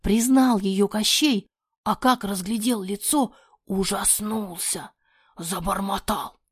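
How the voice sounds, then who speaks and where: A woman narrating a fairy-tale audiobook in an expressive voice that often drops to a breathy near-whisper. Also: medium pitch, takes it slowly, no echo, clean studio sound.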